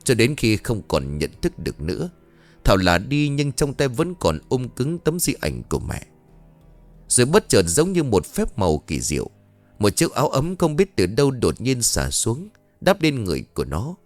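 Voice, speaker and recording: A man's voice: medium pitch, huge pitch swings, normal speed, faint music behind. A man narrating a ghost story in a dramatic storytelling manner.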